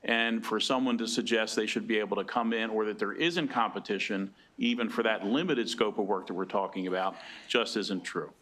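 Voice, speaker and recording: A man testifying formally as a lobbyist at a legislative hearing, making a measured argument point by point. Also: lowish voice, fairly even intonation, a bit bright. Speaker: trade association lobbyist testifying.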